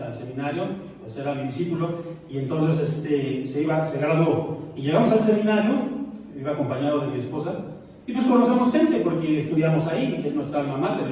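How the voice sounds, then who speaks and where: Mexican pastor preaching in an echoey hall. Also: male voice, fairly high pitch, dark tone. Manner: storytelling, humorous asides to the congregation. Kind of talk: sermon. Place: church sanctuary. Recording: echoey church hall, mic far off, faint noise.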